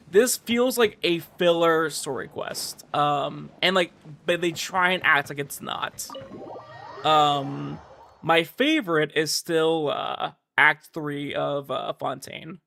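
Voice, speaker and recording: A game streamer talks informally to his viewers, rambling and leaning on lots of filler words. His fairly high voice is a little slow, creaky and bright, with a forceful tone.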